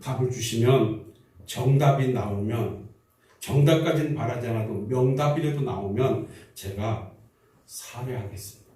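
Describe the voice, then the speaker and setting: Impassioned preaching pastor in an echoey church. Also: male voice, mid-range voice, unhurried, dark tone. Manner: impassioned preaching with repeated rhetorical questions. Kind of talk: sermon. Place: church sanctuary. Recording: echoey church hall, mic at a distance.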